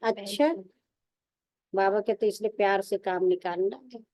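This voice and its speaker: Woman teacher, devotional sermon, emphatic and repetitive storyteller, mellow tone, dry close sound. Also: medium pitch, fairly even intonation, a little slow, no echo. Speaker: spiritual teacher.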